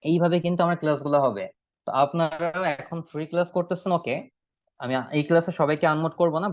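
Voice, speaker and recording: A man teaching an online English class, explaining step by step and slowly repeating phrases for students to copy. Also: fairly high pitch, dry recording. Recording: dry, slightly dull online-class audio.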